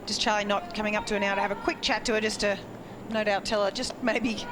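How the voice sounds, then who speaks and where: A woman's voice: medium pitch, steady tone, fast talker. Australian woman analysing cricket amid outdoor noise. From Queensland, Australia. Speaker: expert analyst cricket commentator. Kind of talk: live sports analysis, conversational. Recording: noisy outdoor ground, traffic ambience.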